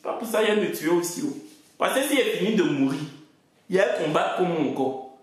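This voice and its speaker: A woman's voice: on the low side, lively intonation, a little fast. A woman comedian delivering an emphatic, theatrical comic vlog monologue, repeating phrases for effect. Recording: echoey room with faint music.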